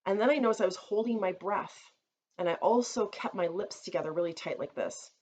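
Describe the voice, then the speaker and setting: A woman vlogger telling a personal story in an earnest, reflective way, often pausing with fillers. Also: medium pitch, a little mellow. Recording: slightly dull recording with faint room noise.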